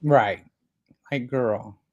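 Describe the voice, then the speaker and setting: Woman host, low voice, emphatic and animated, laughs a lot, video call chat. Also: drawn-out words, dull audio. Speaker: podcast host. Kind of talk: casual book chat.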